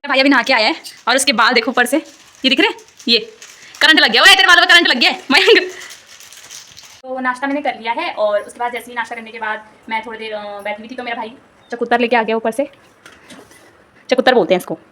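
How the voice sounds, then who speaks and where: A young woman with a Garhwali-tinged Hindi accent vlogs her day. Her voice is high and bright, and she teases a small child in loud bursts. A faint hiss sits under the recording. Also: fast, long pauses. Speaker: vlogger. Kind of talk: casual family vlog.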